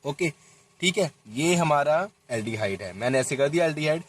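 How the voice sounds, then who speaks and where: A man's voice: on the high side, animated, moderate pace, breathy edge. A young man teaching a chemistry lesson, talking straight to his students and stopping to correct himself as he writes formulas. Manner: addresses students directly, repeats and self-corrects while writing. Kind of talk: chalk-talk lesson explaining a reaction.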